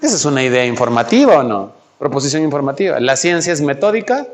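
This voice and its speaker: Very animated and fast, a medium-pitched male math tutor guides a single student through logic exercises. He is patient, coaxing, and full of questions.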